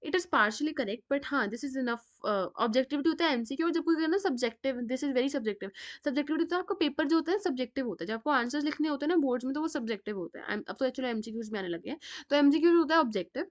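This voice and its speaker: A woman's voice: sits high, lively intonation, fast talker. A woman with a North Indian accent giving a chatty psychology lecture, mixing Hindi and English and asking rhetorical questions. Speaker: psychology teacher. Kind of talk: classroom lecture. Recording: dull lo-fi sound.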